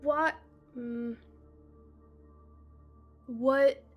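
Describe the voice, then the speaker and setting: A woman voicing a small, shaken feathered young woman who speaks in halting, hushed scraps of words. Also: high-pitched, fairly even intonation, faint music behind, voice pushed up. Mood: hesitant.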